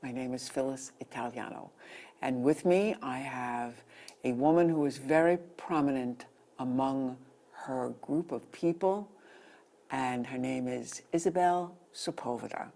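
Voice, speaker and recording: A woman hosting a public-access talk show, introducing and questioning her guest in a measured, formal way. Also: extremely low pitch, warm tone.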